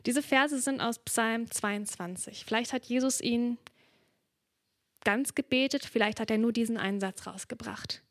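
A woman's voice: fairly high pitch, unhurried, dry recording, studio quality. A woman preaching a sermon in a reflective, earnest way, reading from the Bible. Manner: earnest, reflective, drops to a whisper at moments.

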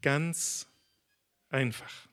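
A man preaching a sermon in a conversational, lively way, acting out quotes as he tells the story. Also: drawn-out words.

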